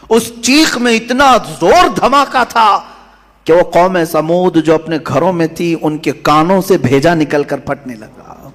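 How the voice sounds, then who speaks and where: An Islamic preacher delivers an impassioned, emphatic sermon and keeps throwing rhetorical questions at his listeners. His voice sits fairly high for a man. A long reverb rings out after each phrase. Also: fairly bright tone.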